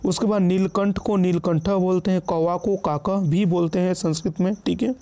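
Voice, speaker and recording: Man, high-pitched voice, dark mellow tone, exam-prep vocabulary teacher, steady list reading. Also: normal speed. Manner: repeats "ठीक है" as a check-in, self-corrects.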